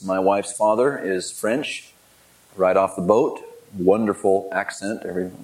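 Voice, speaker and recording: A middle-aged man with a fairly low voice delivers a sermon. He tells personal stories candidly and pokes fun at himself, growing animated as the anecdotes build. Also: low-quality recording. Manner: candid, self-deprecating, animated when telling anecdotes. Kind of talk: sermon storytelling.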